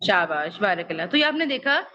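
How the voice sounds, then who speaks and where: A woman's voice: mid-range voice, sing-song, bright, forceful tone, muffled recording, slight background noise. A woman teaching an Arabic grammar lesson. She patiently repeats her questions and checks that her students understand.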